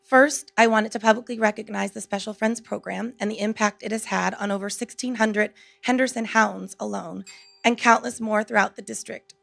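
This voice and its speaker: Earnest woman with heavily creaky voice. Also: medium pitch, steady tone, a bit bright, no echo. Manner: earnest, measured, articulate. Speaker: teacher speaking at a school board meeting. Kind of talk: prepared speech read aloud.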